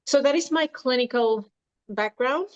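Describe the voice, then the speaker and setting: A Venezuelan dietitian and nutrition coach in her thirties answers questions in a podcast interview, her speech unhurried and halting with frequent restarts. Her voice sits high, and the recording is dry and lo-fi.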